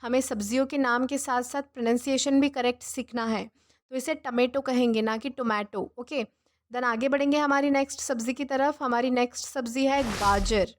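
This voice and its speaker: A young woman teaching an English vocabulary lesson, drilling each word slowly with questions and repeated answers. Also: high voice, fairly even intonation. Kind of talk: spoken language lesson.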